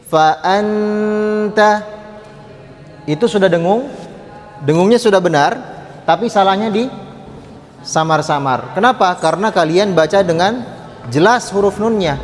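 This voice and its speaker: A man teaching tajwid, patiently demonstrating Arabic sounds slowly and having the class repeat after him. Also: high-pitched, in a large hall. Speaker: Quran recitation teacher. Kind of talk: tajwid lesson with chanted examples.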